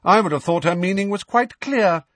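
A man's voice: sits high, normal speed, no echo, voice pushed up. A man voicing a stern older woman teacher who speaks harshly and coldly. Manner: crisp and harsh.

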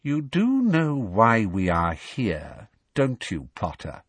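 A man voicing a cold, sneering male teacher who speaks in a low, dangerous, clipped voice. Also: huge pitch swings, slow pace, breathy edge, dry recording, exaggerated voice. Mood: menacing.

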